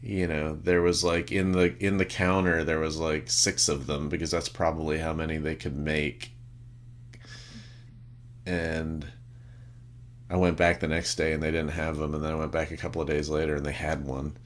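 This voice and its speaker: A man's voice: a bass voice, flat delivery, normal speed, slight background noise. A man co-hosting an unscripted podcast, rambling and ranting with frequent fillers and the odd curse word. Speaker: podcast co-host. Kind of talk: unscripted casual chat.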